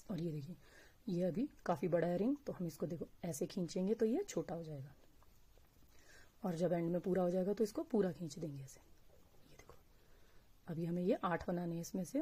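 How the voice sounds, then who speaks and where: A woman teaching crochet step by step, speaking slowly and patiently and counting stitches aloud. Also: on the low side, warm tone, husky. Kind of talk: step-by-step crafting tutorial.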